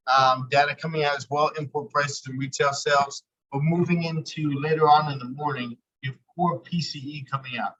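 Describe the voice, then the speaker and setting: A man, a trading coach, talking through a weekly market outlook in a loose, filler-heavy way, his voice coming through a low-sample-rate laptop mic that sounds robotic. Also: sharp tone, dull audio.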